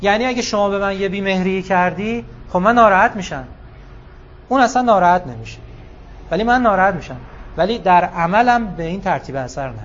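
Animated man preaching, higher voice. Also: lo-fi sound, a little hiss or hum. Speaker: religious speaker. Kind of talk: sermon with storytelling.

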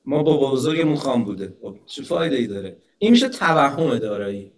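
A man giving a conversational religious lecture who tells stories, asks rhetorical questions and slows down to recite scripture. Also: medium pitch, big pitch swings. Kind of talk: Persian religious lecture with storytelling.

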